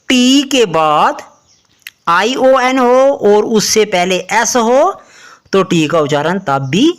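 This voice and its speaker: A woman teaching English pronunciation in Hindi, spelling out letters slowly and asking the listener questions as she explains. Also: medium pitch. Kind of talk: explanatory lesson.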